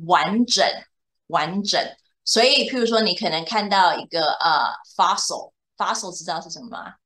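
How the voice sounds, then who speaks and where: With a fairly low, expressive voice at normal speed and a slightly bright tone, a woman tutors a young student in English one on one. The bilingual lesson features patient explanation and regular checks that the student is keeping up.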